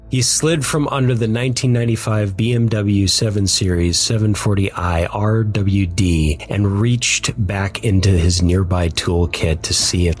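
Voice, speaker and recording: A man giving measured, somber scripted narration of a dark first-person story. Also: sits low, husky.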